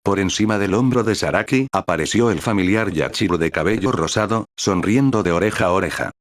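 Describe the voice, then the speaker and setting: A man reading a fan-fiction story aloud as narrator in steady storytelling narration. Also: sits low, a little fast, no room sound.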